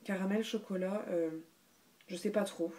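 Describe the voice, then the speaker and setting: A woman's voice: medium pitch, steady tone, moderate pace, warm tone. A woman chatting casually through a beauty haul video, hesitant, with many fillers and restarts. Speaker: beauty vlogger.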